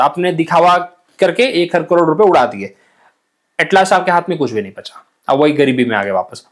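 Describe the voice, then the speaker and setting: A young man with a somewhat high voice teaching exam vocabulary in a chatty, informal way. He keeps checking in with his students and acts out little everyday scenes to explain each word. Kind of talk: explanatory online lesson in Hindi with English words.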